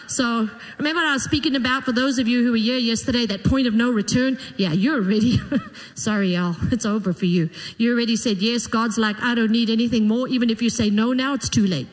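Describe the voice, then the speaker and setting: A woman preaching a sermon to a congregation, expressive and animated, telling stories from her own life. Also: on the high side, a little fast, big-room sound.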